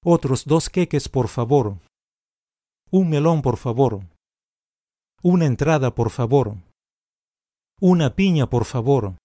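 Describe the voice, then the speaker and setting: A man reads short example sentences for language learners at a slow, unhurried pace. His voice is mellow and mid-pitched, and each word is carefully enunciated. The sound is dry and close. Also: animated, no echo. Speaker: language teacher.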